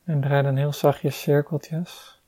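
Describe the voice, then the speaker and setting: A meditation guide leading a calm relaxation exercise, giving soft-spoken, unhurried instructions with long pauses. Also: mid-range voice, dry recording, poor audio.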